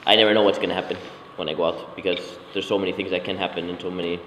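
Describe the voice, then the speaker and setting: Young male circus artist, casual and relaxed; deep voice, roomy hall sound. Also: very fast. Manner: relaxed, swears casually, many fillers. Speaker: circus performer. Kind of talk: casual interview talk. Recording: echoey hall, background noise.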